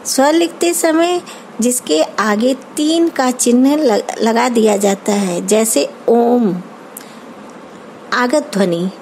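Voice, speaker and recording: A woman teacher with an Indian accent giving an online grammar lesson, explaining terms slowly and carefully, as if dictating. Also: on the high side, a little mellow, slight background noise, low-quality recording. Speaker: school teacher.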